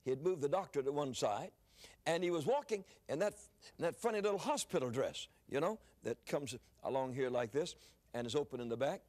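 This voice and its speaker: A man's voice: fairly high pitch, lively intonation, brisk, darkish tone. An older man preaching, telling a story in a sermon, often repeating words as he starts a phrase.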